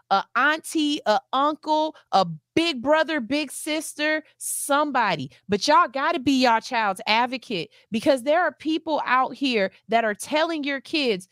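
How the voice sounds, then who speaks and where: Forty-something woman host, slow, earnest and emphatic, dry close sound. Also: high-pitched, fairly bright tone, no echo. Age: 40s. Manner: earnest, emphatic, repeats phrases. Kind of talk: heartfelt talk-show monologue.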